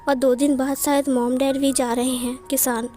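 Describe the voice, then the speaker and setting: A practical young man talks briskly and plainly, as a woman voices him. The tone is high and mellow. Faint music sits under the telling. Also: flat delivery, lightly acted.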